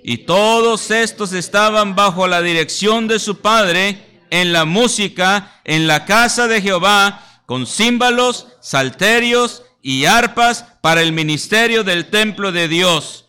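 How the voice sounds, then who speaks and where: A man's voice: high-pitched, takes it slowly, sharp tone, clean tone. A man preaching a sermon, emphatic, often calling listeners "brother" and acting out little scenes. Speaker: pastor.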